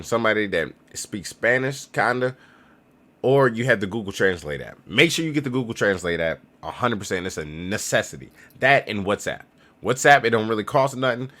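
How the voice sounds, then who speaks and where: A man's voice: on the low side, fairly bright tone. A young man giving casual travel tips in a vlog, talking in slang and acting out other people's lines. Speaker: travel vlogger.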